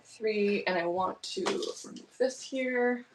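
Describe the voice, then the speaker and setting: A woman's voice: mid-range voice, slow pace, heavy background noise. Chatty woman cooking on stream. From Canada. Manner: chatty, rambling, self-correcting. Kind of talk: casual chat while cooking. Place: home kitchen. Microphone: camera on a tripod.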